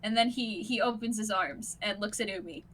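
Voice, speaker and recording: A woman narrating her character in a tabletop game, halting and full of fillers. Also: mid-range voice, a bit bright. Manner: halting, filler-heavy storytelling.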